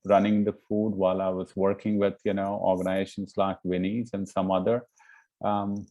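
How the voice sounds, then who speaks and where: A man's voice: low-pitched, flat delivery, normal speed, mellow. A middle-aged man from India, a guest in a casual interview, talking earnestly with many fillers and "you know".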